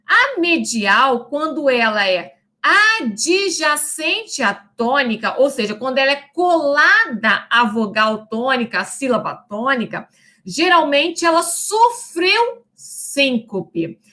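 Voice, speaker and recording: Bright, high-voiced woman teaching a lesson. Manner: didactic, checks in with "né?" and "tá?"; stretches out example words slowly. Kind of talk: recorded lecture.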